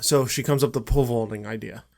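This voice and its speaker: Podcast guy cracking up retelling stuff, casual chat, regular pitch. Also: fairly even intonation, fast talker, creaky, darkish tone. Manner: amused, laughing through his retellings. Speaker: podcast co-host.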